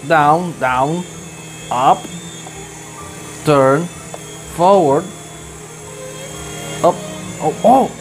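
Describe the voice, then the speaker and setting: Male hobby vlogger, high-pitched voice, casual indoor commentary in choppy broken English. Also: faint music behind. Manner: deliberately broken, halting English. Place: indoors at home.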